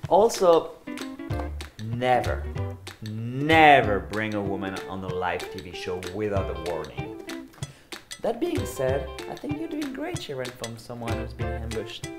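A man's voice: medium pitch, wildly swooping pitch, measured pace, reverberant, over loud music. Laid-back, teasing young man. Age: young adult. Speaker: sidekick friend. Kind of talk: comedic banter. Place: home kitchen, indoors.

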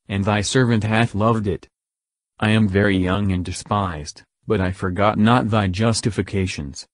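A man reading the Psalms aloud in a measured, solemn, verse-by-verse delivery. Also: lowish voice, no room sound. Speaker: scripture reader.

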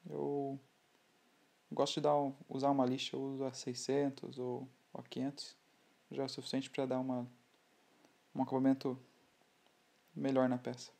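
A man with a Brazilian Portuguese accent explaining scale model building in a relaxed, halting way, often restarting his sentences. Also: medium pitch, vocal fry. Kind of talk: hobby tutorial voice-over.

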